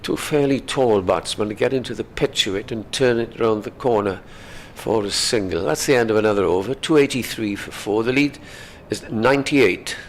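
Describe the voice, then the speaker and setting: A man with a gravelly voice giving live cricket commentary in an unhurried, conversational way. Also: lowish voice, slight background noise.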